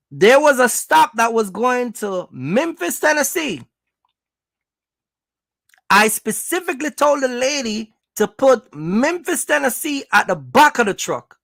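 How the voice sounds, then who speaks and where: Very animated yet taking things slowly with long pauses, a Jamaican trucking business coach hosts in a mid-range, fairly bright, noticeably creaky voice. The dry recording has very little room sound, and the casual motivational advice to viewers is emphatic, repetitive, and full of check-ins that listeners are keeping up.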